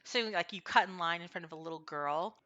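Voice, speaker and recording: A woman narrating a tabletop fantasy game as game master, improvising haltingly as she thinks aloud. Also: on the low side, bright, forceful tone, dull audio.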